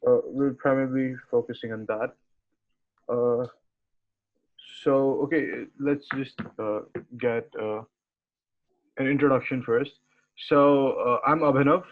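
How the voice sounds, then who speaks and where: A man's voice: mid-range voice, fairly even intonation, unhurried, pauses often. A young man interviewing over a video call, hesitant and full of filler sounds. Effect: heard over a video call. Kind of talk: casual interview chat. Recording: tinny video call audio.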